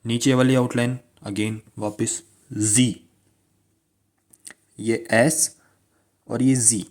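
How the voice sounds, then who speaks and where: A man's voice: mid-range voice, level tone, extremely slow, a little mellow. A man teaching shorthand strokes, repeating key words and asking listeners to pronounce along. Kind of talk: classroom-style tutorial.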